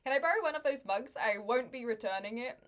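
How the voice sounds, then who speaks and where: A woman's voice: on the high side, animated, quick pace. A woman, chatting casually with viewers on a livestream, laughing often and making wry asides. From New Zealand. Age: 20s.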